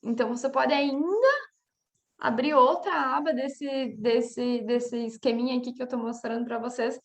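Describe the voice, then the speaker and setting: Gravelly-voiced Brazilian woman teaching. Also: on the high side, steady tone, normal speed. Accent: Brazilian Portuguese. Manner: talks through examples, with many filler checks like "tá?". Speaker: coach teaching a class. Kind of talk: casual spoken lesson.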